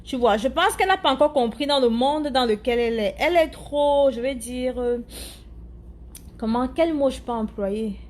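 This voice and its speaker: A woman with a high voice and an African French accent talks casually to her followers about online drama. She circles her points, pauses to search for the right word and says things twice. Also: lively intonation, a little mellow. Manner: chatty, searching for words, repeats herself. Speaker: live streamer answering viewers' comments. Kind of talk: casual chat commentary.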